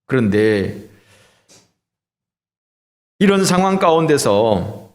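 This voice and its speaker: A man's voice: mid-range voice, big pitch swings, extremely slow. A male pastor preaching a sermon emphatically, with rhetorical questions to the congregation.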